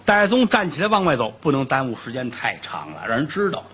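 A man narrating a comic storytelling piece in a lively, animated way. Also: medium pitch, fast, breathy edge, highs cut off.

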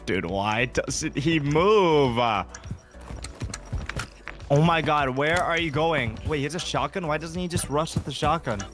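A young man giving excited, incredulous gameplay commentary and banter. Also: a little high, a little slow. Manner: exclamatory, incredulous reactions. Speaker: gamer. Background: music, game gunfire.

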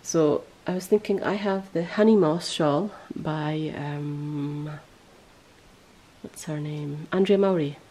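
Husky woman, mellow low voice. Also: slow pace, low-quality recording. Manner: chatty, rambling, self-correcting. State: voice going hoarse. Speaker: podcast host. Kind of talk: casual podcast chat.

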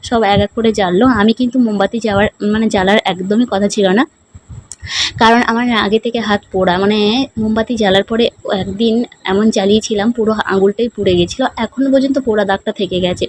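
A woman's voice: mid-range voice, fairly even intonation, quick pace, darkish tone, slight background noise, low-quality recording. A young woman vlogger chatting casually about her day, with many fillers, her voice strained from announcing. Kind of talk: casual vlog narration.

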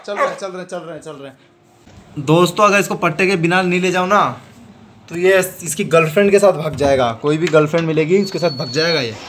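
A man's voice: on the high side, fairly bright tone, slight background noise. A man vlogging at home on a handheld camera, coaxing and teasing his dog in a playful, chatty way. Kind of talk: casual pet vlog narration. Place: home, indoors.

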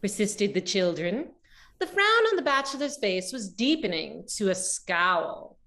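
A woman narrating a story aloud in a measured, expressive way. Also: medium pitch.

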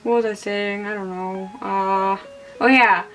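A hungover beauty vlogger in her twenties rambles casually through a makeup vlog in a small indoor room, putting herself down as she goes. Her medium-pitched, slightly bright voice stays fairly even at a measured pace, with soft background music on a low-quality recording.

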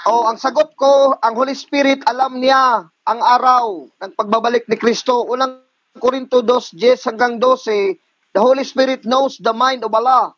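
High-pitched man debating over a call. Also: steady tone, a bit bright, dry recording. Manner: rapid, citing scripture verses. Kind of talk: online religious debate. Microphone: online call. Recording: dull lo-fi call audio.

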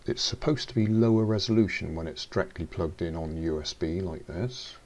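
Male hobbyist presenter, deep register with heavy fry, unscripted and low-key, close throat-microphone sound. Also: a little fast, darkish tone. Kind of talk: casual unscripted narration of a microscope demonstration. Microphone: throat microphone, volume boosted.

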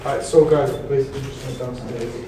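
A young man vlogging while exploring an abandoned building, excitable and swearing. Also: mid-range voice, fast talker. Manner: excitable, swearing, loud outbursts. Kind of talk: casual exploring vlog. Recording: echoey, far from camera, noisy.

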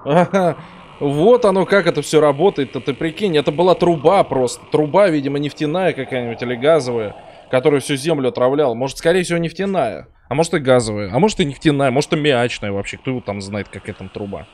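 A man's voice: fairly high pitch, fast talker, darkish tone, a little hiss or hum. A man in his thirties giving casual, rambling, mock-grumbling commentary over a video game. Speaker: let's player.

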